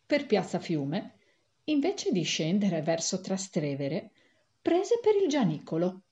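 Animated woman reading a story aloud. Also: medium pitch, muffled recording. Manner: animated, theatrical delivery.

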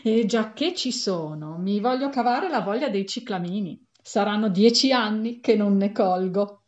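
A woman voicing a cheerful, carefree office-worker lady in a storybook, with bright, gleeful exclamations. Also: medium pitch, lively intonation, normal speed, echoey room, lo-fi sound, natural voice.

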